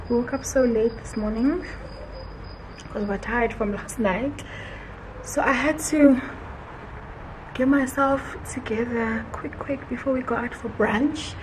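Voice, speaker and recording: A woman with a South African accent chatting casually to a handheld camera outdoors, lively as she walks. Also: on the high side, background noise. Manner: lively, chatty, walking while talking. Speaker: vlogger. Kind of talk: casual vlog chat to camera. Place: outdoors on a garden path. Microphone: handheld camera close up.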